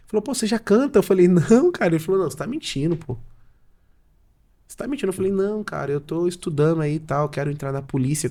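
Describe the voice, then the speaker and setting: A Brazilian man with a somewhat high voice and a gravelly edge tells his own story. He plays out every exchange with casual slang and quoted back-and-forth. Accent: Brazilian Portuguese. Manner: acts out both sides of conversations, lively slang. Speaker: podcast guest, pastor and businessman. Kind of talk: animated storytelling with quoted dialogue.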